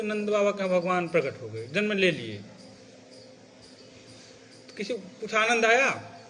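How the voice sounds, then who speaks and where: A man's voice: high-pitched, a bit bright. A man teaching a class how to recite sacred stories, explaining patiently and often checking that his students follow. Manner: patient, checks understanding with repeated questions; demonstrates phrasing by reciting example lines. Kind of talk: classroom lecture.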